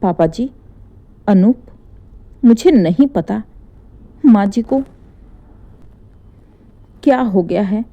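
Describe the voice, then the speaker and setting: A woman's voice: mid-range voice, expressive, slow pace, long pauses, lo-fi sound. A woman doing a sly, sweet-talking young daughter-in-law. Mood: mock-innocent. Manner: sweet, mock-innocent pleading.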